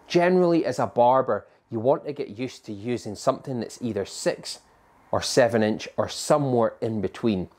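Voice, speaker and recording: A man in his forties with a lowish, somewhat dark voice works as a barber and explains scissors to the camera inside a barbershop. His instructional talk is patient and practical, like a teacher walking through the basics.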